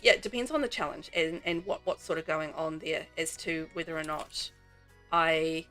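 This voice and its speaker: A woman's voice: sits low, steady tone, normal speed, a bit bright, faint music behind. A woman from New Zealand with a New Zealand accent, streaming a game and chatting casually with viewers in a rambling way. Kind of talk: casual chat while playing.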